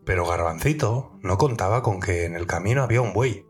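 A man narrating a children's folk tale in a calm, clear storytelling manner. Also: low-pitched, a little fast, faint music behind.

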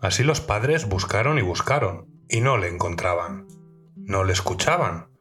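Male narrator for a children's tale, calm and low, light guitar under it. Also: moderate pace.

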